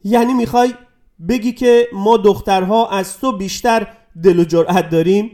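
A man's voice: high voice, expressive, darkish tone. A man voicing a mocking young woman. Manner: mocking, needling. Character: teasing young woman, a date, scornful.

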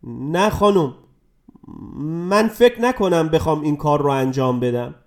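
A man's voice: on the high side, a little mellow, natural voice. A man reading a story aloud and voicing a proud, stubborn young man who answers curtly. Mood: sullen. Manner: curt, grumpy.

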